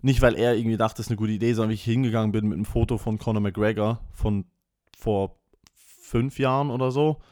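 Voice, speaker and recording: A man's voice: lowish voice, fairly even intonation, brisk, warm tone, dry recording. Hyper, rambling man in a dry room. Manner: rambling, crude, wired and hyper. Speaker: podcast host. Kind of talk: casual comedic monologue. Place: small room at home.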